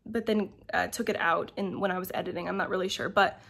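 A woman's voice: fairly low pitch, steady tone, fast talker, gravelly, fairly bright tone. A young woman chatting to camera from her bedroom at home, meandering and filling her talk with ums and likes. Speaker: vlogger. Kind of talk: casual chat to camera.

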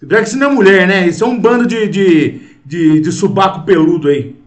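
An indignant man with a Brazilian Portuguese accent delivers a slow, repetitive rant, dropping swear words and calling everyone "cara." His voice sits high for a man. It rings around an echoey room. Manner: indignant, profane, keeps saying "cara". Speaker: political video commentator. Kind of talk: angry rant to camera.

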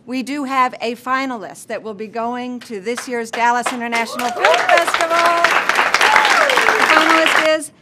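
A woman from a sponsoring company announcing student film contest finalists to high school classes in an upbeat, congratulatory way. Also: moderate pace, a loud crowd, very noisy. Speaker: sponsor representative.

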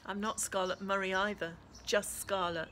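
A woman's voice: medium pitch, steady tone, normal speed, pushed and bright, a little hiss or hum, lightly acted. A woman reading the lines of an upset, defiant teenage girl with a tense, choked-up manner. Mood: troubled.

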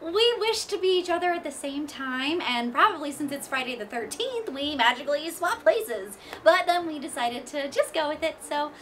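A woman's voice: sits high, animated, moderate pace, hardly any pauses, fairly bright tone, a little hiss or hum. A woman playing a bubbly, clumsy young princess stuck in her sister's body, hesitant and slipping up in a live-action play-acting skit. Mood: eager.

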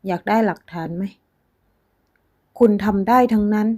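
A woman voicing a shrill, jealous pregnant ex-lover who shrieks her accusations in a storybook reading. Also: fairly even intonation, normal speed, mellow, close to an everyday voice. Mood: shrill accusing.

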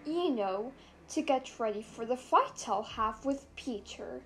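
A woman voicing a sly, scheming male pirate captain who talks slowly and gloats. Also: a little high, animated, a bit bright, faint music behind, pitched below the performer's own voice. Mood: gloating. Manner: slow, gloating and drawn-out.

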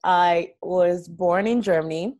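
A Nigerian woman in her thirties joins a casual video-call interview from her living room via laptop webcam, telling her story openly and chattily with small laughs. Her voice is on the low side, darkish and slow.

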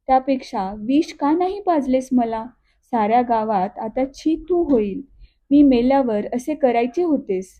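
A woman reading the part of an ashamed old village father who reproaches his son and then pleads, in thin phone-like audio. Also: high voice. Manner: grieving, reproachful.

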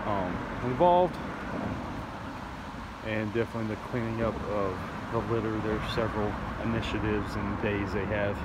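A fishing channel host, his voice on the low side, rambles chattily with frequent fillers while walking a creekside access point near a road bridge. His outdoor camera audio picks up loud road noise, with heavy outdoor ambience and passing traffic behind him.

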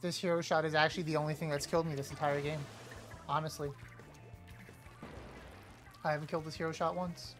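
A woman streaming a live game, trash-talking playfully, apologizing to teammates and suddenly yelling when a play goes wrong. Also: deep voice, flat delivery, fairly quick, long pauses, music in the background. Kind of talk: live gameplay commentary.

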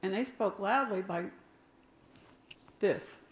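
A woman's voice: medium pitch, takes it slowly, slight background noise. An older woman preaching a sermon in a church, emphatic and talking with her hands, with asides to the congregation. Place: church sanctuary. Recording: echoey church room.

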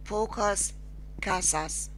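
A Spanish teacher with a Persian accent gives a slow, screen-recorded language lesson with repeat-after-me drills. Her mid-range voice is bright and forward, and she spells out phrases one word at a time, very slowly and deliberately, with long pauses. The audio is poor, with a faint hum from her desktop mic.

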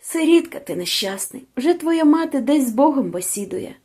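Tearful kind village landlady, soft and mellow, woman reading her out. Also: sits high, animated, moderate pace, pitched above the performer's own voice. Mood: tearful pity. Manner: tearful, pitying.

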